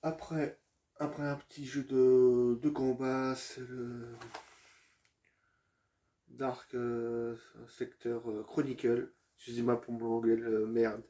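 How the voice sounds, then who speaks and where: A man's voice: medium pitch, little pitch movement, slow, warm tone. A man presenting his video game collection in a casual, hesitant way, with many fillers and restarts, addressing viewers as friends.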